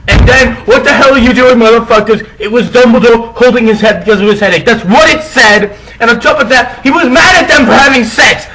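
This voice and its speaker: Indignant teenage girl author, played by a man: hammy, defensive, high-pitched, shouty fan fiction rant. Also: brisk, hardly any pauses, heavily acted, poor audio.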